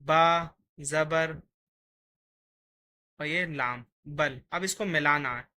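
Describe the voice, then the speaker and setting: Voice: mid-range voice, unhurried, pushed and bright. A teacher giving a patient, step-by-step Urdu writing lesson, sounding out each letter while writing it.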